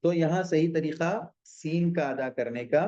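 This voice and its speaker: A man leads a tajweed lesson, stretching out each word before he patiently points out common errors. His voice sits a little high for a man but sounds mellow, and he speaks slowly and steadily. The recording is dull and lo-fi. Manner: models recitation by drawing out words, then explains; patient, corrects common mistakes repeatedly. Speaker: Quran recitation teacher.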